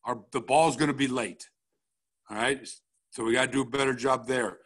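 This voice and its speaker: A man's voice: medium pitch, fairly even intonation, normal speed, a bit bright. A middle-aged man, a football coach, walking through game film at a coaching clinic in a blunt, casual way, checking in often with "all right?".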